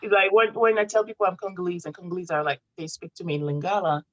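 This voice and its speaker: A low-pitched woman in her thirties, born and raised in Morocco, talks casually as a guest on an interview. She laughs easily and often circles back to restart a thought. The sound is dry and a little dull. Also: steady tone, quick pace, no echo. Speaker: guest, content marketing strategist.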